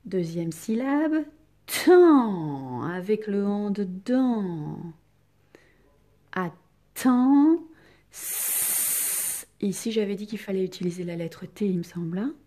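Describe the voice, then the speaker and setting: A woman teacher giving a slow, patient reading lesson to young children, sounding out syllables and asking the class questions. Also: mid-range voice, dark tone. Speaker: primary school teacher.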